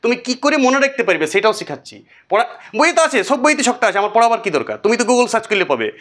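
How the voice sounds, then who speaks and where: A man's voice: very high voice, fast. A man teaching a whiteboard biology lesson, chanting memory lists in a sing-song way and talking straight to his students. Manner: lively, repetitive, talks straight to students.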